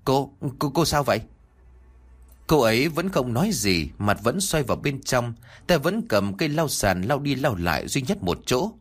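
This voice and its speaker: A man's voice: mid-range voice, normal speed, breathy edge. Man telling a ghost story. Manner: animated, dramatic storytelling. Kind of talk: first-person ghost story narration.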